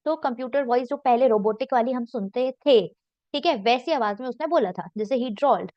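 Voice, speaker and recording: A woman teacher with an Indian accent, her voice a touch high, reads each English line slowly and deliberately before breaking into a quick, chatty explanation full of fillers. She is recorded close and dry, with a slightly dull sound. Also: a little mellow, no room sound.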